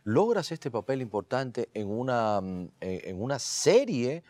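Male host, Cuban accent, mid pitch, chatty jokey interviewer, dry room. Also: big pitch swings, a little slow, a little mellow, no echo. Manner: chatty, jokey, leads with questions. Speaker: talk show host. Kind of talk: casual interview.

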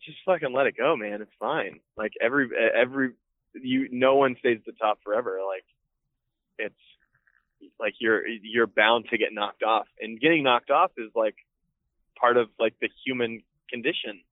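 A man's voice: medium pitch, normal speed, dry recording. Guy on an old flip phone call, tinny dry line, laid-back, swears a lot. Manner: laid-back, swears freely, many fillers. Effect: heard over an old flip phone call. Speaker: guest calling in by phone. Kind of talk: casual chat.

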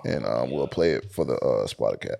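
A man's voice: very deep voice, lively intonation, brisk, vocal fry, mellow. A man hosting a music podcast, joking around in casual group banter and running the rounds. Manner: joking, runs the song rounds. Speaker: podcast host.

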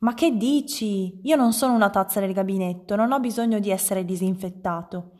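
Una donna che legge ad alta voce e fa un padre vanitoso di mezza età che urla in preda al panico. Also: female voice, medium pitch, a little fast, natural voice. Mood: agitated. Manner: shouting, flustered. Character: loud panicking vain middle-aged father.

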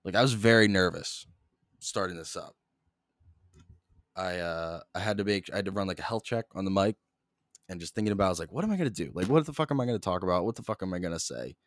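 This deep-voiced, fast-talking young man hosts a podcast alone, right up on the mic with no echo. He drones in a flat monotone, curses constantly, and wanders from one topic to the next.

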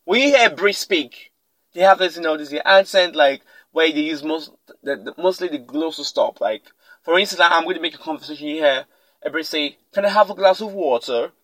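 A man with a high voice gives a motivational podcast talk and leans hard on his main points, often saying them twice. The sound is close and dry, with almost no room around it. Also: a little fast, bright, forceful tone, dry recording, poor audio. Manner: emphatic, repeats key lines for effect. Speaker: podcast host.

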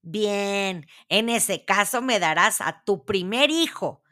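A woman's voice: medium pitch, animated, slow, sharp tone. A woman voicing a grotesque, greedy male dwarf who makes bossy, demanding bargains in a storybook reading.

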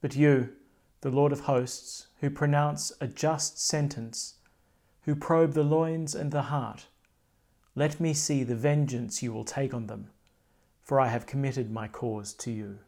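Male priest, mid-pitched, solemn and declamatory, delivering liturgical readings and homily. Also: fairly even intonation, unhurried, a little mellow. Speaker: priest celebrating Mass.

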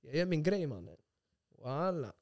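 Animated young man, slangy podcast chat. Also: fairly high pitch, creaky, very noisy. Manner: animated storytelling, slangy street Swedish. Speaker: podcast co-host. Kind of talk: casual chat. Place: small studio room.

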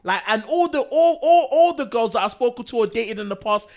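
A young man with a London roadman accent, chatting casually in animated, repetitive, slangy storytelling. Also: extremely high pitch, a little fast. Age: young adult. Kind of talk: casual chat.

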